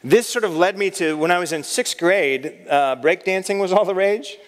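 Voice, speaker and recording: A man in his thirties with a high-pitched, slightly bright voice speaks at normal speed, giving a conversational, self-deprecating chapel talk to college students. The hall's long reverb hangs on his words.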